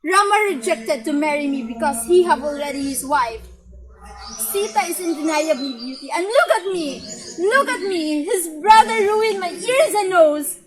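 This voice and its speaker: A woman's voice: sits high, moderate pace, a crowd in the background, lightly acted, rough recording. A woman voicing a spurned, demanding demoness princess in an amateur short film. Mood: wailing. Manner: wailing, demanding. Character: spurned vain demoness princess, sister of a king. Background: music.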